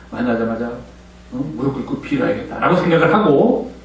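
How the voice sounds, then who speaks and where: A man preaching a children's Sunday school sermon, telling a story with acted-out voices and asking the children questions. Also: mid-range voice. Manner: animated storyteller acting out characters' voices. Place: church hall. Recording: very echoey hall, mic from far off, faint hum.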